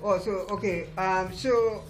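A man's voice: high-pitched, steady tone, a little slow, faint music behind. A man co-hosting an interview, casual, with chuckling asides. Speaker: co-host.

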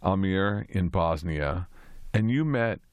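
A man hosting a live studio radio interview, asking brisk conversational questions. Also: deep voice, lively intonation, clean tone, no echo. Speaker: radio host.

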